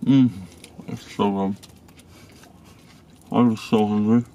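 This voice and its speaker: A man's voice: lowish voice, fairly even intonation, takes it slowly, mellow, dull audio. A young man in his twenties vlogging casually to camera, chatty and joking with loose rambling talk. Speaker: vlogger and powerlifter.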